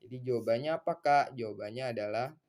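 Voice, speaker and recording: A man's voice: medium pitch, darkish tone. Chatty young man tutoring science. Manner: chatty, drawn-out teacherly explaining. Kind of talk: explaining a school science question. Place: tutoring center.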